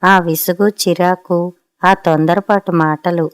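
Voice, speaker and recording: Calm woman narrating an audiobook story. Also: on the low side, slow pace, clear, resonant tone, no room sound, clean studio sound.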